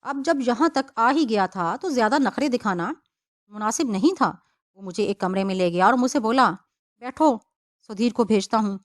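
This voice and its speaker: A woman narrating a novel as an audiobook, with a steady storytelling delivery. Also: fairly high pitch, no echo, clean studio sound.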